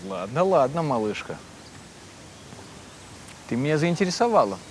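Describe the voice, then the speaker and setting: An actor playing a shady, guarded Russian boss in a web drama, with a Russian accent and a halting, hesitant manner. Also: male voice, fairly high pitch, very animated. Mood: persuasive. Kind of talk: naturalistic screen drama dialogue. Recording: noisy location recording.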